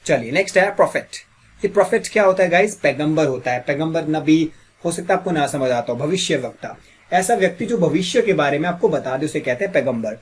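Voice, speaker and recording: Husky-voiced man teaching English. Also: fairly high pitch, lively intonation, a little fast. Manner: quizzes listeners with repeated questions, clears throat often. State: slightly sore throat. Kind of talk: classroom grammar lesson.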